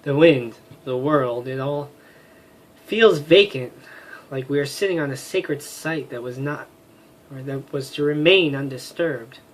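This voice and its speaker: A proud winged warrior woman from a game, as a man puts her on, speaking in lofty, solemn pronouncements. The voice sits a little above his usual register and is delivered slowly. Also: mid-range voice, close to an everyday voice.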